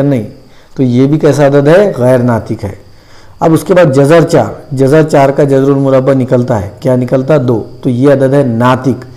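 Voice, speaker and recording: A man teaching a maths lesson step by step, putting questions to his students and answering them himself, and repeating terms and numbers slowly. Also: medium pitch, warm tone. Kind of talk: classroom-style video lesson.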